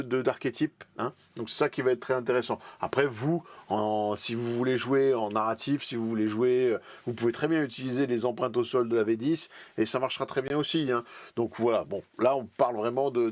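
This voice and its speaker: A man's voice: mid-range voice, no echo. A man hosting a casual weekly hobby news recap, chatty and hesitant, with many fillers and restarts. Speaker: channel host.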